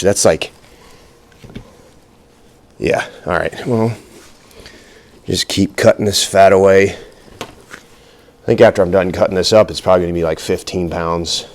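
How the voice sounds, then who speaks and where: A middle-aged man with a very deep, low voice talks his way through a cooking vlog. He rambles nervously, makes fun of himself and fills gaps with ums and uhs. Now and then he sounds a little out of breath from the work. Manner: nervous, self-deprecating, rambling with fillers. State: out of breath at times. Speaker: cooking video host. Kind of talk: casual cooking vlog, talking while working.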